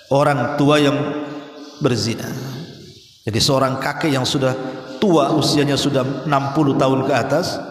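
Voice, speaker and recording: A man preaching a sermon, telling a story and quoting figures with lively swings in his voice. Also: on the high side. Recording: echoey hall with long reverb.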